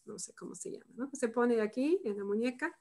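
Facilitadora serena de voz algo aguda. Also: female voice, on the high side, a little fast. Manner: calm, reflective, tags phrases with "¿no?". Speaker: workshop facilitator. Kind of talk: live online workshop demonstration.

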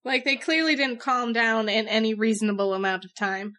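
A woman's voice: a little high, fairly even intonation, brisk, bright, forceful tone. A woman with a Midwestern American accent co-hosting a podcast, chatting casually with dry quips. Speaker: podcast co-host. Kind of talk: casual chat.

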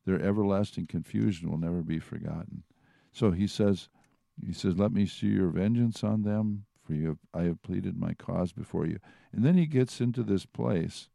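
A man's voice: sits low, normal speed, vocal fry, dark tone, dry recording, studio quality. A man teaching from the Bible in a conversational way, retelling and reading passages aloud. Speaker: preacher.

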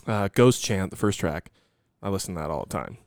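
A man co-hosting a music podcast, talking in a relaxed, rambling way that trails off. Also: deep voice, brisk, clean tone, dry recording, clean studio sound. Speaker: podcast co-host. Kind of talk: casual chat.

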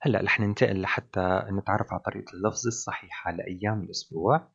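A man with a Levantine Arabic accent teaching a language lesson, pausing often on drawn-out fillers. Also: on the low side, fairly even intonation, creaky, husky, lo-fi sound. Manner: hesitant, with frequent drawn-out fillers.

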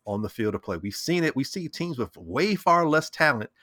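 A man with a bright, forceful voice in lively sports talk. He talks animatedly, often repeats words and acts out his own reactions. The sound is dry and close. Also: medium pitch, moderate pace, no room sound. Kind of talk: casual sports chat.

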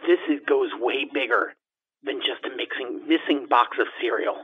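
Comedy podcast: male performer as a jittery landlord, stammering and rambling like an anonymous tipster, voice masked with a muffled lo-fi disguise, mid-pitched. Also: moderate pace, breathy edge. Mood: nervous. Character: jittery gossiping male building landlord in hiding. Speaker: interviewee. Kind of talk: improvised comedy podcast parody. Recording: dull muffled disguise filter.

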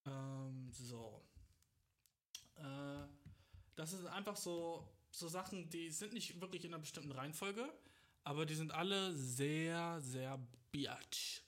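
A young man hosts a podcast, delivering a rambling comic monologue stuffed with slang and English swear words while laughing at his own jokes. His voice is a little high and a bit bright, at a slow pace, in a casual comedic style.

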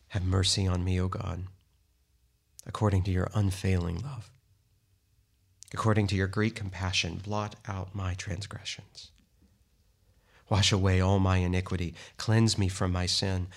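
A man giving a steady, measured Bible reading, lightly voicing the people in the text. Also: deep voice, creaky. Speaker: scripture reader.

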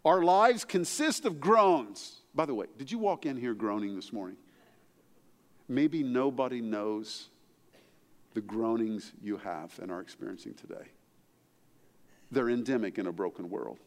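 A middle-aged male pastor preaching a sermon, chatty and conversational, swinging from quiet asides up to emphatic, higher-pitched peaks. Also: moderate pace, pauses often. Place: church sanctuary. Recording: long hall reverb.

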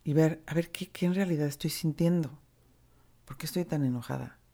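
A woman with a Mexican accent giving a reflective motivational talk on recovery, candid and earthy, mixing gentle encouragement with casual swearing. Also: low voice, a little fast. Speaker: recovery speaker.

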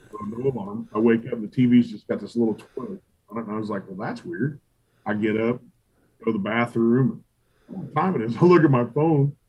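Husky, profane pitmaster spinning yarns. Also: male voice, medium pitch, muffled recording. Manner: animated, profane, quotes himself and others in acted asides. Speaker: competition barbecue pitmaster and restaurant owner. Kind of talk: casual storytelling interview.

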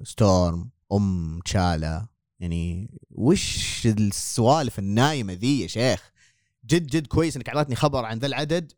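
A man's voice: medium pitch, a little mellow, dry recording, clean studio sound. A man hosting a casual podcast chat, easygoing and moving the talk along. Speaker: podcast host.

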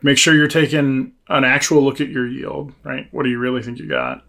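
A man co-hosts a casual podcast with a gravelly, creaky edge to his mid-pitched voice. He talks informally, working through his thoughts out loud. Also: steady tone, fairly quick. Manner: informal, thinking aloud with false starts and self-quotes. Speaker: podcast co-host. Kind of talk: casual conversational podcast chat.

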